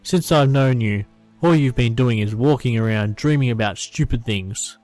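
A man voicing a mocking schoolyard bully who taunts loudly and draws out his words. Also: mid-range voice, dry recording, faint music behind, close to an everyday voice. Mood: taunting. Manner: loud, taunting, drawn-out.

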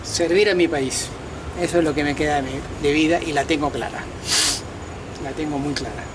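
Outdoors at night on a balcony overlooking a lit city, a Peruvian man in his fifties, a vlogger and self-declared political candidate, speaks straight to the camera. His slightly high voice moves at a moderate pace through an animated, slangy, casual monologue with asides to viewers, against heavy background noise.

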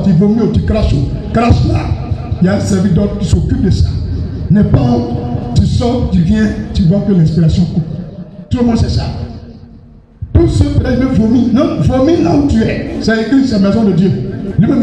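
High-voiced pastor in an echoing church. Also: male voice. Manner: exhorting, instructive, teasing the congregation. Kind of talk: deliverance sermon. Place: church service. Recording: echoey church hall with music behind.

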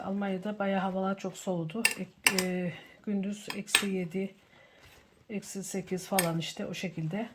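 A middle-aged woman hosting a home cooking tutorial from her kitchen, greeting viewers warmly as friends. She sounds slightly under the weather from a cold. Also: lowish voice, very noisy. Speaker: cooking channel host.

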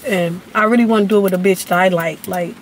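A woman on a blind date, answering truth-or-dare questions in relaxed, slangy casual talk. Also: mid-range voice, quick pace, a little hiss or hum, rough recording. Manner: relaxed slangy, laughs often. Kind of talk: casual chat.

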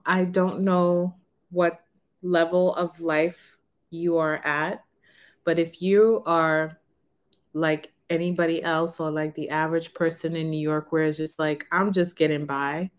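A woman in her thirties talking frankly to camera in a casual, unhurried way from a small room. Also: fairly low pitch, fairly even intonation. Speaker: vlogger on renting. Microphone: camera in front of her.

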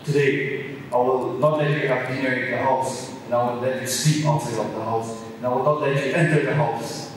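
A man's voice: mid-range voice, steady tone, moderate pace, recorded from a distance, lightly acted. Angry village father voiced by a man, firm warnings, echoing hall, faint hum. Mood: stern.

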